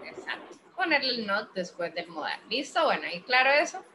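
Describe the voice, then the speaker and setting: A Colombian woman teaching an English grammar class, explaining slowly and patiently while questioning her students. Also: a little high, sing-song, noisy background. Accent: Colombian Spanish.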